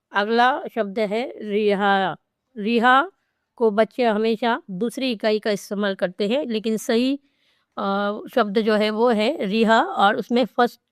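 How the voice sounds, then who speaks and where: A woman teacher walks through a spelling lesson, breaking each word into its parts at a very unhurried pace. Her voice sits a little high and sounds smooth and clear. The recording is close and dry. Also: no echo. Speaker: Hindi teacher.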